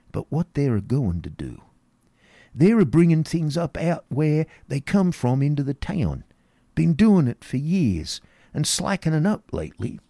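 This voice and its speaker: A frantic old man, rambling in thick country dialect, voiced by a man reading aloud. His voice is gravelly and swoops high and low. It sits close and dry. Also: mellow, no echo, heavily acted. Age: older. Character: wild-eyed terrified old male drunkard. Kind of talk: dramatic reading.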